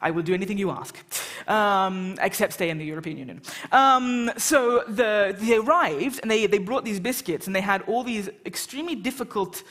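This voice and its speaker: An Englishwoman hosts a live event from the stage of a lecture hall, joking, chatting and teasing the audience. Her mid-range voice is animated and a bit bright, moving at a moderate pace with hardly any pauses.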